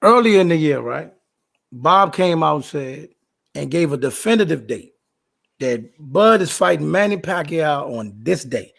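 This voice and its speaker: A man's voice: fairly high pitch, animated, unhurried, vocal fry, a bit bright. A man in his late forties arguing sports in a casual debate, emphatic and often repeating himself. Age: 40s. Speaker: co-host.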